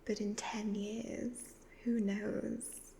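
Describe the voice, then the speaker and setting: For a soft-spoken ASMR roleplay, a woman acts an evil, ageless, youthful-looking witch who is gloating, seductive and predatory, speaking slowly, breathily and half-whispered. Her mid-range, warm voice is flat in delivery yet menacing and seductive, deliberate, hypnotic and condescending. Faint background noise is present.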